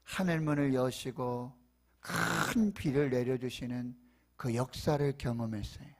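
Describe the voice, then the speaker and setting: A man preaching a church sermon in deliberate, emphatic phrases, his articulation slightly lisped from missing front teeth. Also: medium pitch. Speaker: pastor preaching a Sunday sermon. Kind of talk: Korean church sermon with prayer.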